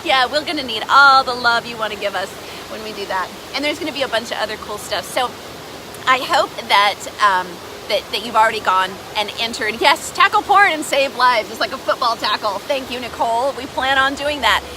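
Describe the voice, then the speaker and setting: A woman with a fairly high voice talks casually to her livestream viewers. She is upbeat, chatty and quick to joke as she co-hosts. A steady rushing noise sits clearly behind her voice. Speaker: co-host promoting a giveaway.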